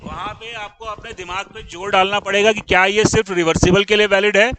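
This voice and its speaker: A crowd can be heard behind a man lecturing on engineering in a high-pitched, fairly quick voice with fairly even intonation. He explains step by step, keeps asking if students follow, and scolds them in exasperation, all on a low-quality recording.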